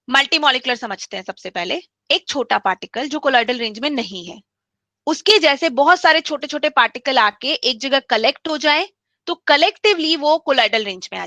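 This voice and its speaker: A woman's voice: on the high side, bright, forceful tone, dry recording. A woman teaching a chemistry class online, explaining step by step, repeating key points and mixing English terms into her speech.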